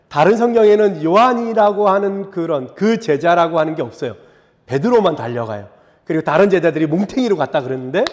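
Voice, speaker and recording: A man delivers a sermon in a high, light voice that rings through a large sanctuary with long reverb. He talks conversationally, often checking in with the listeners, and slips into dramatic readings of scripture voices. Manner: conversational, asks the congregation for agreement. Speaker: pastor. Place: church sanctuary.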